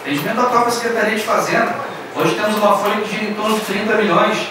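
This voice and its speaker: A man in his thirties giving a forceful political speech from a podium in a large council chamber, at times raising his voice. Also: high voice, very fast, far from the mic, background noise. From Brazil. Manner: forceful, emphatic oratory with raised passages. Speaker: city councillor. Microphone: podium microphone on a stand. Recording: echoey hall, voice heard from afar.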